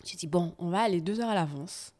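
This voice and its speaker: Lively woman telling her story. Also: on the low side, a little fast. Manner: lively, laughing, animated when telling anecdotes. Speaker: podcast guest. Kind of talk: casual storytelling interview.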